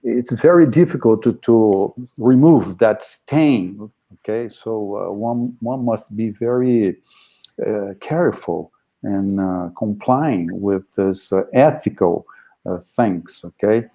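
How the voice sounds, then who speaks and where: A man chairing an academic event, speaking formal, hesitant non-native English in a polite, deliberate manner. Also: on the low side, dark tone. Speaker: session chair introducing speakers.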